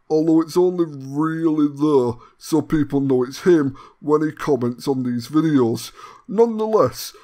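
Sardonic gaming host. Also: male voice, a little high, a little mellow. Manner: sardonic, mock-grandiose banter. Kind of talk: comedic channel announcement.

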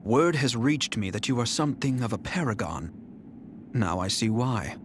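A young general in a video game, voiced by an actor, sounds haughty and self-assured while keeping calm and deliberate. The medium-pitched voice is natural, and the clean studio clips have a touch of background noise.

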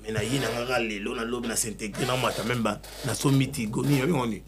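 A man talking excitedly in a casual chat, switching between Lingala and French. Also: medium pitch, fast talker, noisy background.

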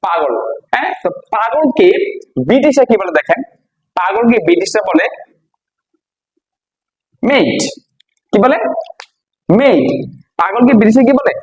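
Male teacher from Bangladesh, higher register, patient drilling style, asks and answers his own questions. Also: very animated, measured pace, long pauses, darkish tone, lo-fi sound. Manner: repeats each word and quizzes listeners with questions. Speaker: English teacher. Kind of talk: classroom-style vocabulary lesson.

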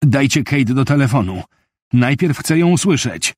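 A man's voice: medium pitch, animated, moderate pace, darkish tone, breathy edge, no echo, clean studio sound, voice pushed up. A male audiobook narrator voicing a tense, wealthy former soldier with clipped, strained replies. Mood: urgent. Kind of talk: audiobook character reading.

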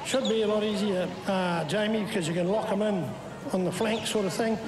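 A man's voice: sits high, fairly even intonation, brisk, background noise. A man with a New Zealand accent giving explanatory live commentary as an expert co-commentator at an outdoor event. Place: outdoor arena in a city square. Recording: echoey outdoor public address, loud crowd, barking.

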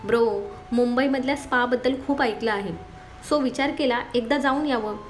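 A woman voicing a cheeky, quick-tongued young sister who trades jokes with her brother. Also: a little high, slight background noise, lightly acted. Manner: cheeky, sassy.

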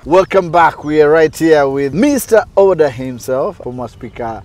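A man's voice: fairly high pitch, lively intonation, normal speed, darkish tone. A middle-aged man hosting an outdoor interview, chatting casually with short encouraging replies and frequent laughs, recorded on a lapel mic. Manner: brief encouraging backchannels, playful, laughs often. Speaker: TV host. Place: outdoors on a dry ranch.

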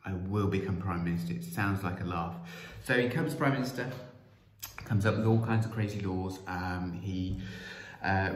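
A man, a children's author, reading his own book aloud in a playful storytelling manner with chatty asides. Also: deep voice. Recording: roomy echo.

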